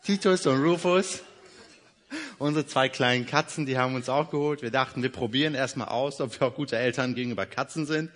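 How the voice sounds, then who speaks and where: Young male preacher from Iran, relaxed joking delivery, mid-range voice. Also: mid-range voice, a little fast. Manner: casual and joking, many fillers. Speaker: guest preacher. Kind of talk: sermon with personal introduction.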